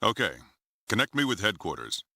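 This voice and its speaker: A stern military commodore with a very low, forceful voice. He speaks formally and gravely, in measured phrases fit for a sci-fi game. The sound is close and dry. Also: very animated, dry recording, exaggerated voice. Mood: commanding. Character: stern, grave male starship commodore, middle-aged or older. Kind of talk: dramatic video game voice acting.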